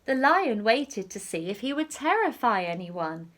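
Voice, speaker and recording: With a fairly high pitch, a woman teacher tells a picture story to young children. She reads it aloud slowly and deliberately, full of expression.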